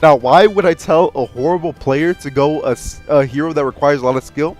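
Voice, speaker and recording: A man's voice: fairly high pitch, a little fast, darkish tone, faint music behind. A man delivering an escalating comedy rant as a gaming streamer, sarcastic and exasperated, with emphatic swearing. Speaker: gamer, streamer. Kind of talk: escalating comedy rant about a video game, profane.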